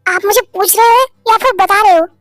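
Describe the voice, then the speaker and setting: A woman's voice: very high-pitched, brisk, no echo, studio quality, faint music behind. A woman voicing a shy, flustered young woman employee who stammers. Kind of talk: Hindi fan-story voice acting.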